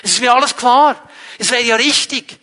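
A man preaching a sermon to a congregation, earnest and emphatic, moving between loud stresses and quiet passages. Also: extremely high pitch, moderate pace.

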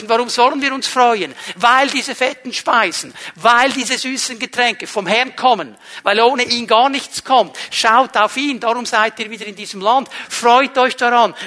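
Guy preaching a sermon, emphatic, goes loud then drops soft, high bright voice. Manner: earnest, emphatic, shifts between loud and soft.

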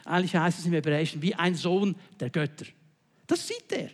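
A man with a high, light voice delivers a sermon. He swings from loud, emphatic declarations to hushed, low-pitched passages. He keeps turning to his listeners with short checking questions. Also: sing-song, fairly quick, in a large hall. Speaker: preacher.

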